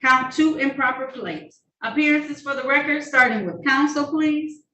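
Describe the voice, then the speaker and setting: A courtroom recording of a woman judge who speaks firmly but kindly and keeps calling the defendant by name. Her voice sits high and sounds bright and pointed. It carries from some distance off the mic, with a roomy echo around it. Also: moderate pace, a little hiss or hum. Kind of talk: presiding over a court hearing.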